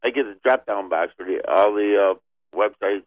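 A man calling in to a radio show over the phone with a tech question. He talks in a hesitant, halting way and fills his pauses. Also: lowish voice, no echo. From Penfield, New York. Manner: hesitant, halting, many filler sounds. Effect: caller heard over a phone line. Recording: dull lo-fi phone line, dry.

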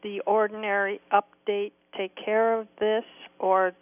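A woman calls into a radio show, her voice coming through a thin, tinny phone line that sounds dry and close. She sits at a middle pitch and asks politely, pausing on small hesitant fillers. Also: level tone, no echo. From upstate New York. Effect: call-in phone line on a radio show. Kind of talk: radio show caller asking a question.

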